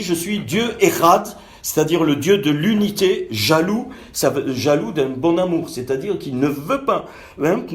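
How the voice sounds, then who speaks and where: A man giving an informal Bible teaching over an online call, full of fillers and restarts, growing emphatic when he reads scripture. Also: fairly high pitch. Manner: hesitant, many fillers and restarts. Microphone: online call audio. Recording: echoey call recording.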